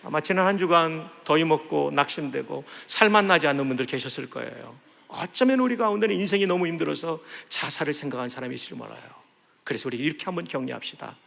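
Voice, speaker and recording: A high, bright male voice preaches to his congregation, his pitch leaping around with lively energy. He swings from loud exhortation to soft, close asides and has the crowd repeat lines after him. The sound carries the long reverb of a large church sanctuary. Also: fast talker, gravelly. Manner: leads the congregation in call-and-response. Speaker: pastor. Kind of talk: sermon.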